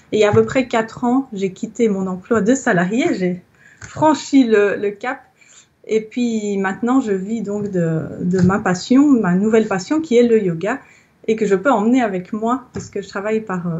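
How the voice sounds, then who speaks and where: A Belgian yoga teacher in her thirties gives a reflective interview testimonial, searching for her words as she talks. Her voice is on the high side with a darkish tone, and the audio is dull.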